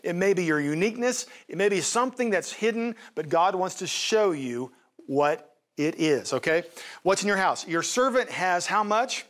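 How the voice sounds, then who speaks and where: Animated man teaching on a show. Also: high voice, moderate pace. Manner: animated, acts out Bible voices. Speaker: host and teacher.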